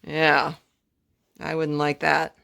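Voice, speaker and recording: A mother reads to young listeners in a storytime with chat and song, questioning the child and repeating what they answer. She speaks low and slow in a completely flat delivery, with vocal fry and a fairly bright tone.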